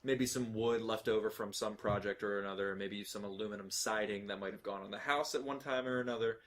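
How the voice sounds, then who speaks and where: A man's voice: on the low side, fairly even intonation, brisk. A man running a tabletop game as game master, talking casually and rambling with many fillers.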